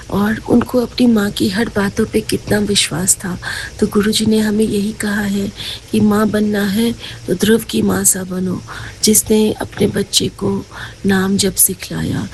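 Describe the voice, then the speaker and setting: A woman's voice: medium pitch, slight background noise, poor audio. Earnest woman giving a devotional talk. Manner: gentle, earnest, often addresses listeners directly. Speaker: satsang speaker. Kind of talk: devotional talk and dream story.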